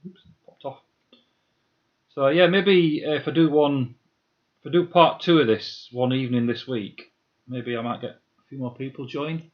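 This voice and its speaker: A man's voice: mid-range voice, fairly even intonation, normal speed, long pauses, dull audio. A man chats casually on a live stream while building Lego, muttering to himself and answering viewers' comments. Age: 50s.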